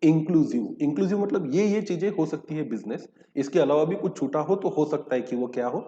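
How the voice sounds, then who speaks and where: A man with a slightly high, warm voice and lively intonation lectures at a brisk pace. He quizzes himself on terms and supplies the answers, interspersing spoken Hindi with readings of English legal text. The hall recording is dull and echoey.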